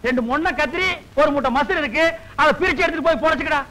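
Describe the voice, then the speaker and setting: An actor playing a middle-aged village barber uncle in a film, ranting and mocking loudly. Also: male voice, very high-pitched, rough recording. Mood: scolding. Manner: loud, fast, mocking comic rants. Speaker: comic uncle.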